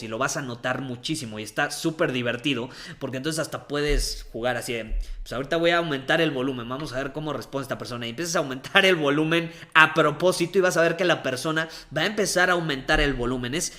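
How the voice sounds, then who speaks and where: Man, young adult, motivational coaching talk, emphatic and repetitive, bright tone. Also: fairly high pitch. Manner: emphatic, repeats key phrases, slows down on points. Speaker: coach giving dating and confidence advice.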